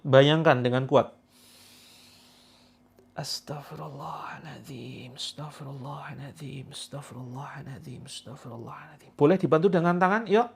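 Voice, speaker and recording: A slightly high-voiced man runs a guided group healing session. He walks listeners step by step through the routine, repeating each instruction and coaxing them along. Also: darkish tone. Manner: instructing, repetitive, coaxing viewers through steps. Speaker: spiritual healing coach.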